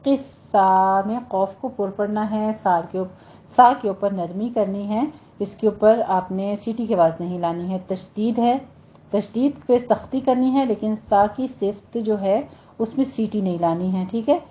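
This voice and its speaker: A woman's voice: medium pitch, mellow, dull audio. Patient woman teaching recitation. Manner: patient, repeats each word slowly and corrects common mistakes. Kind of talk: recitation lesson, modelling sounds slowly.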